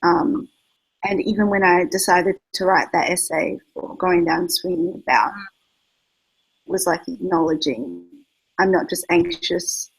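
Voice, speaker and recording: Australian woman writer, husky, lowish, thoughtful and halting. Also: rough recording. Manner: reflective, hesitant. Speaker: writer on a panel. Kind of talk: panel discussion.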